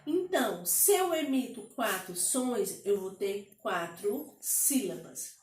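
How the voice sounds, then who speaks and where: A woman with a Brazilian Portuguese accent teaching a lesson to children, speaking slowly and patiently and drawing words out syllable by syllable. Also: medium pitch, animated, darkish tone, echoey room, far from the mic.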